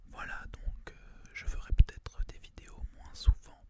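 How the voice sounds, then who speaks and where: A young French ASMR creator whispers breathily to his audience from indoors in a small student apartment. He speaks soothingly and carefully, repeating phrases in a soft voice.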